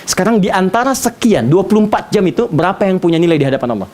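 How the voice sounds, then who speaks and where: A man preaching an animated sermon lecture, using playful asides for the audience. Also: sits high, racing. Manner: animated, playful imitations of foreign speakers. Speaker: Islamic preacher. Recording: faint hiss.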